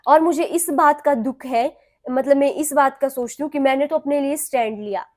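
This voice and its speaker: A young adult woman from Himachal Pradesh, a guest on a talk show, telling a personal story in an animated way and acting out what others said. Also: high-pitched, moderate pace. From Himachal Pradesh, India. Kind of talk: recounting a personal story in an interview.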